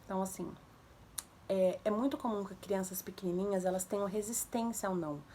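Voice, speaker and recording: A young woman casually giving parenting advice to viewers, animated, acting out commands in a raised voice. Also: mid-range voice, a little fast, slight background noise. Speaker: mother sharing parenting tips.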